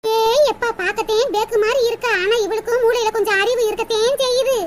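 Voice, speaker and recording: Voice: extremely high pitch, steady tone, fast. A performer voicing a bossy, greedy adult woman neighbour who chatters and orders others around in a cartoon. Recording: loud background hiss.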